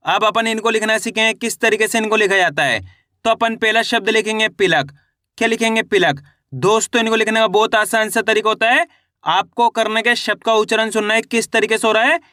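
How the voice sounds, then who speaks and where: Male reading teacher, high bright voice, dry close sound, sounds out syllables one by one and quizzes. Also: no echo. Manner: sounds out each syllable slowly, then asks and answers; repeats rhetorical quiz questions to the viewer. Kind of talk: children's reading lesson.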